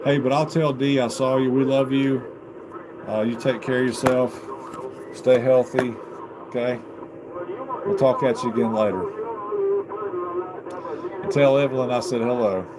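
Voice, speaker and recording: Hosting a very noisy live stream from home, a CB radio hobbyist chats casually and folksily from his basement radio room, wandering from topic to topic. His mid-range voice stays fairly even, and he speaks at a measured pace, pausing at length.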